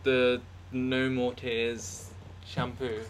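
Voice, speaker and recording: A young man co-hosting a podcast, telling absurd stories in a deadpan way with frequent restarts. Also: medium pitch, extremely slow, a little hiss or hum. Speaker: podcast co-host. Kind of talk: casual comedic chat.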